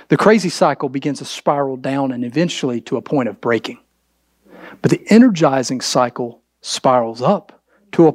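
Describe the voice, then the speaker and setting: A man's voice: fairly high pitch, no room sound, clean studio sound. A man preaching a sermon as pastor, emphatic, asking his congregation rhetorical questions and addressing the men directly.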